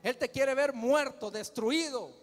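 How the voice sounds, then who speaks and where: A man's voice: very high voice, unhurried. A man preaching a sermon as pastor, emphatic, firing rhetorical questions and calling the crowd to answer. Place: large church hall. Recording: long hall reverb with faint music.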